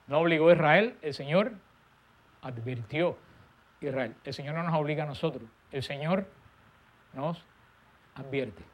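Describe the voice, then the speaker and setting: A man preaching a sermon, stressing key words and letting his voice fall soft and low at the ends of phrases. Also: lively intonation, unhurried, long pauses.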